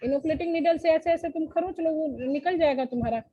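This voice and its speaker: Heard through phone-quality sound with no echo, a woman with a high voice teaches a little fast in an online class. She goes step by step and frequently checks whether her students follow.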